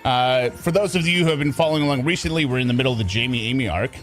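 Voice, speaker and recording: A man hosting a casual commentary show, talking with sarcastic, scornful asides. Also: medium pitch. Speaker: commentary channel host.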